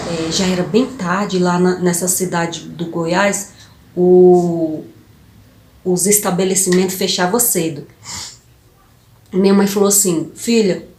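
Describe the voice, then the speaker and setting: A woman, casually telling her viewers about her childhood, animated and acting out the voices of people in her story. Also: lowish voice, reverberant. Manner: animated, addresses viewers as "gente", acts out quoted voices.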